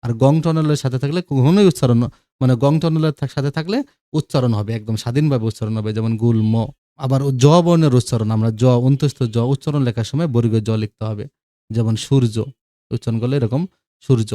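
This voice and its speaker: A man's voice: mid-range voice, quick pace, mellow, no echo, studio quality. A man teaching a grammar lesson, repeating examples and checking whether students follow. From Bangladesh. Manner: explanatory, repeats examples, checks understanding with asides.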